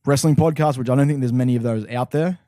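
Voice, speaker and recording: A man's voice: mid-range voice, fast talker, mellow, no echo. Young Australian male co-host, casual, rambling, dry close sound. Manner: rambling, filler-heavy, laughing often. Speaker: podcast co-host. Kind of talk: casual chat.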